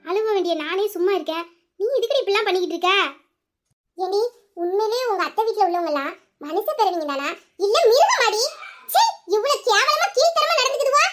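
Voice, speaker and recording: A woman's voice: very high-pitched, a bit bright. A woman voicing an indignant young woman who scolds and curses her friend's cruel in-laws. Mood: scolding, then outraged. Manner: scolding, cursing, heated. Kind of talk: Tamil audio story acting.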